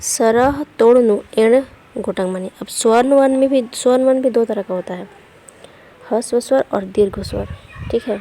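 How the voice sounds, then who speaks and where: A woman's voice: fairly high pitch, normal speed, mellow. A woman giving an online language lesson. She explains step by step, reads letters and example words one at a time, and often checks in with "okay". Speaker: language teacher.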